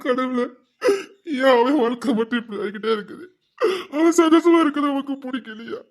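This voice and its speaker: A man's voice: sits high, normal speed, fairly bright tone. An actor playing a devoted young man grieving for his brother, his voice choked and tearful. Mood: tearful prayer. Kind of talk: emotional TV serial acting.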